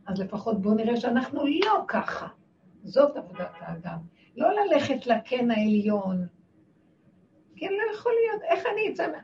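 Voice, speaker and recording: A woman's voice: a little high, darkish tone, slight background noise. Impassioned woman teacher, distant lo-fi sound. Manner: impassioned, dropping to near-whispers. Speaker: spiritual teacher. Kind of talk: devotional talk to women. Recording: distant, dull lo-fi recording.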